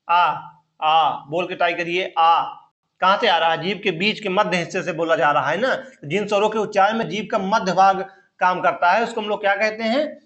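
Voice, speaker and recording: This online exam-prep lesson features a Hindi teacher, a man whose voice is high and a bit bright. Working through grammar for teaching exams, he says every term again and keeps posing questions to the viewer.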